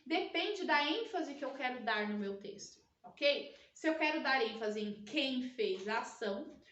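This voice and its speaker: A woman's voice: sits high, a bit bright, roomy sound, recorded from a distance. A woman teaching a grammar lesson, explaining step by step and checking in with her listeners. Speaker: Portuguese teacher.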